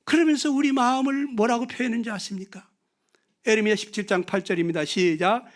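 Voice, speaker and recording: A man preaching a revival sermon, swinging from loud exclamations to hushed whispers and prodding the audience with questions. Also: sits high, fairly even intonation, fairly quick. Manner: prods the audience with questions and tag words. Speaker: guest preacher at a revival meeting.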